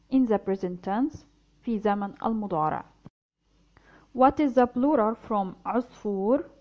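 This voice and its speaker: A woman's voice: fairly high pitch, muffled recording. A woman teaching Arabic, reading a short story aloud and explaining its words and grammar in English. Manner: slow, careful explaining, mixing English and Arabic.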